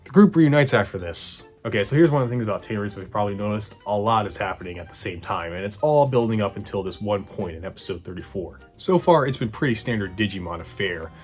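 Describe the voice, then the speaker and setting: Fast-talking sarcastic man, low-pitched. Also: lively intonation. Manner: sarcastic, conversational, swearing. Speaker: host of a video retrospective. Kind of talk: casual scripted recap narration. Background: background music.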